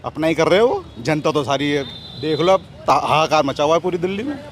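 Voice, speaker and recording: Passer-by man, high-ish voice, heated, repeats himself. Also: lively intonation, a little fast. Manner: angry, repetitive complaints. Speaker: passer-by interviewee.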